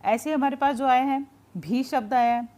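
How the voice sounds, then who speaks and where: A woman with a fairly high voice teaches a grammar lesson in a relaxed, informal way. She explains patiently, gives many everyday example sentences, and keeps checking in with her students. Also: moderate pace.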